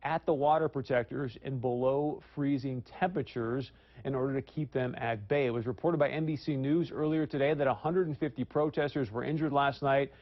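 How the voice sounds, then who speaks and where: A man's voice: mid-range voice, fairly even intonation, a little fast, highs cut off. A man hosting an evening news talk show, speaking emphatically and addressing viewers directly.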